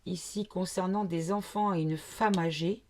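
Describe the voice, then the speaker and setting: A woman's voice: lowish voice, fairly even intonation, a little slow, darkish tone. A woman from the south of France doing a casual card reading to camera, thinking aloud with many fillers and asides. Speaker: card reader.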